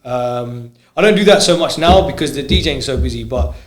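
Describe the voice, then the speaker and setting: A man's voice: mid-range voice, animated, moderate pace. Hesitant man in a roomy space. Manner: hesitant, lots of fillers and restarts. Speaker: guest DJ. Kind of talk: casual podcast chat. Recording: roomy echo.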